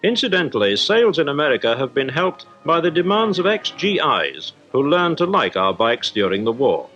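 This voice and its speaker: A fairly high, sing-song male voice with a British accent moves at normal speed through a formal, explanatory scripted report. He plays the industrial correspondent of a 1950s newsreel, whose dull soundtrack carries music in the background.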